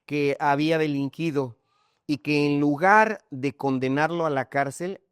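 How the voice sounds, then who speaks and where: A man's voice: fairly high pitch, unhurried, clean tone, no room sound, studio quality. A male pastor preaching an emphatic sermon, speaking straight to his congregation and often addressing them as brother. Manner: emphatic preaching, often calls listeners "hermano".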